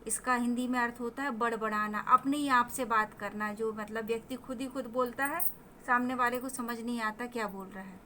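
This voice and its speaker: Bright-voiced woman teaching vocabulary. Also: a little high, steady tone, a little hiss or hum. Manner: slow, drawn-out word pronunciations, mixing Hindi explanations with English definitions. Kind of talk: vocabulary lesson with pronunciation drills.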